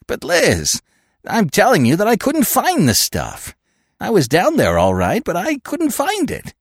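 A man's voice: mid-range voice, huge pitch swings, slow pace, creaky, a bit bright, breathy edge, no echo, clean studio sound, exaggerated voice. A man voicing a meek, bungling male crook who answers in a plaintive, whining way.

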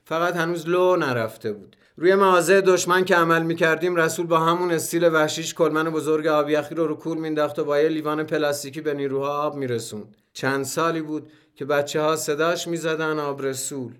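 A man reading a first-person story aloud as a scripted narration, measured and vivid. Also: on the high side, steady tone, a bit bright.

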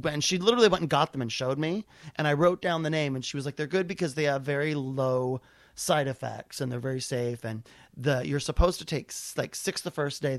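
A man's voice: fairly high pitch, no echo. An American man telling a personal story casually, acting out the conversations as he goes. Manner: animated retelling with quoted dialogue. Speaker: stand-up comedian.

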